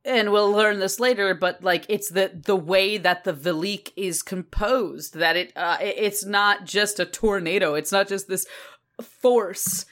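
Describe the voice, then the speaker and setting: A young adult woman co-hosting a casual book podcast, excitable and rambling, swearing freely. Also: mid-range voice, unhurried. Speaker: podcast co-host.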